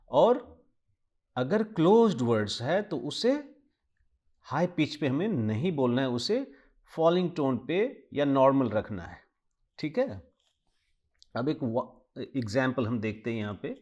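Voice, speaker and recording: Very slow-speaking Indian man teaching. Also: mid-range voice, darkish tone. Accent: Indian English. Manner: slow, deliberate, explanatory with frequent fillers. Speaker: language teacher. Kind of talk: classroom lecture mixing Hindi and English.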